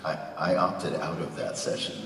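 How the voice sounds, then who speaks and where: Super deep gravelly older guy, dry jokes, booming hall, crowd around. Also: lively intonation, moderate pace, fairly bright tone, a little hiss or hum. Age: 60s. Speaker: voice actor panelist. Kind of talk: convention panel Q&A. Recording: echoey hall from far off, crowd.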